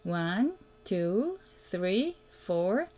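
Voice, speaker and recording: A mother reads a picture book aloud to children, her mellow, medium-pitched voice slow and sing-song. She keeps things simple and deliberate, prompting the listener with questions.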